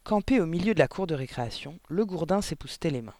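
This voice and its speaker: A man reading a children's novel aloud with lively, dramatic storytelling. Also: on the high side, fast talker, no echo. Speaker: audiobook narrator. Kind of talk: expressive audiobook narration.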